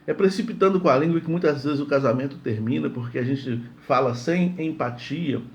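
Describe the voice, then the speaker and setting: A man gives a morning sermon, chatty and relaxed, often repeating himself and checking that listeners follow. His voice sits a little high for a man. A faint hiss runs underneath. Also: fairly quick, dull audio. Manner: conversational, repeats words, asks "entende?". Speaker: preacher.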